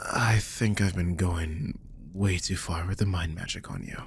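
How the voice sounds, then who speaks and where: In an intimate roleplay audio drama, a man voices a protective magical guardian weighed down by guilt. His deep, husky, breathy voice is heavily acted, soft and hesitant, soothing, full of sighs and often sinking toward a whisper. A little hiss or hum sits under the audio.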